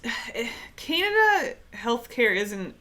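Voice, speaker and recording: A woman's voice: fairly high pitch, takes it slowly. Chatty woman podcast co-host. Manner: relaxed, chatty, laughs easily. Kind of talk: casual podcast chat.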